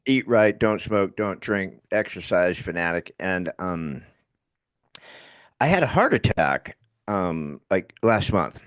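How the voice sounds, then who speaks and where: A man's voice: low-pitched, sing-song, slow pace, dry recording, studio quality. A middle-aged man with a slight lisp, a podcast guest telling frank, self-deprecating stories in a conversational interview.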